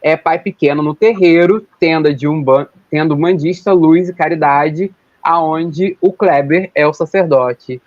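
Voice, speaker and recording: This podcast host from Rio de Janeiro state speaks at a measured pace in a higher voice, chatting and rambling with self-corrections and lengthy lists. There's no room sound; the audio is dry, dull, and lo-fi.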